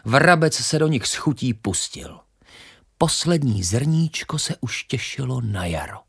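A storyteller reading a children's fable aloud, in an expressive, lively way. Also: mid-range voice, gravelly, breathy edge, no echo, studio quality.

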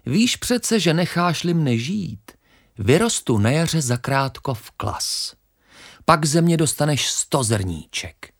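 A reader voicing a small, patient, wise grain of wheat in a children's story, talking calmly and reasoning gently. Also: mid-range voice, pitched above the performer's own voice. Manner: calm, reasoning, gently coaxing.

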